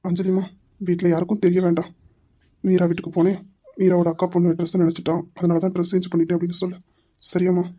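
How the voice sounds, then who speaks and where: A woman's voice: on the low side, completely flat delivery, quick pace, slightly rough. A woman voicing a stern young husband who is a police officer, firm and lecturing, in an amateur family drama. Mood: gentle. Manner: firm, lecturing, shouts for his wife.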